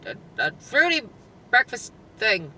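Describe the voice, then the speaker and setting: A woman in her thirties co-hosting a casual road-trip vlog, chatty with quick asides, speaking from a car's passenger seat. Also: fairly high pitch, big pitch swings, sharp tone. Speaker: vlog co-host. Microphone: phone camera held by the driver, off to the side. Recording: distant phone mic with clear road noise.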